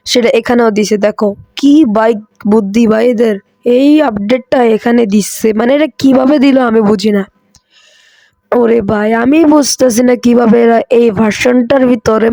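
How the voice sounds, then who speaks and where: A hoarse man hosting a gaming channel, chatty and excitable as he comments on mobile gameplay, with English phrases mixed in. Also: very high-pitched, dry recording. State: hoarse, coughing.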